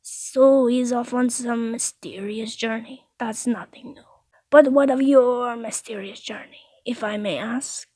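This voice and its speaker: A woman's voice: on the high side, steady tone, unhurried, warm tone, breathy edge, dry recording. A woman doing a chatty nosy baker man. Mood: friendly nosy. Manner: friendly, prying.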